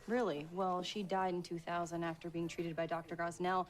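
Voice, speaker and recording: An actress playing a pushy, cheeky young blogger-reporter in a naturalistic TV drama. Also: female voice, on the low side, little pitch movement, moderate pace, a little hiss or hum, natural voice. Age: young adult. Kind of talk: naturalistic film acting.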